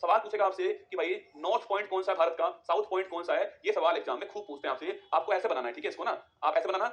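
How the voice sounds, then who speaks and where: A man teaching an exam-prep geography lesson, drilling facts with quick repeated rhetorical questions. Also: sits high, fairly bright tone.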